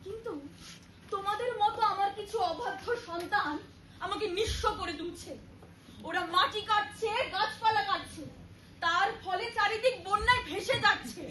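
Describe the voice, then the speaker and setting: A woman playing a grieving female nature goddess, wailing and pleading slowly on a stage. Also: extremely high pitch, sharp tone. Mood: grave, urgent. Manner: wailing, pleading, slow and drawn out. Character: weeping female nature goddess, mother of all life. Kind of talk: stage drama acting. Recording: echoey hall from far off, background noise.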